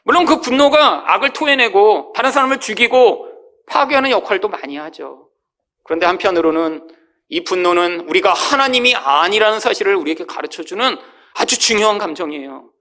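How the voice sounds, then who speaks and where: A male pastor preaching a sermon with emphatic, rising exclamations that drop away quietly at the end of phrases, often calling out to the congregation. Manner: swells to high exclamations, then drops low and quiet at phrase ends.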